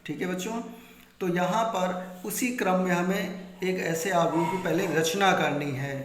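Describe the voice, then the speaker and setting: A man teaching maths in a Hindi-speaking north Indian accent, his voice sitting a little higher than most men's. He walks through each step patiently, repeating points and quizzing students before giving the answer himself. The sound is roomy and echoing. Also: steady tone, measured pace, slight background noise. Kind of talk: classroom lesson explaining step by step.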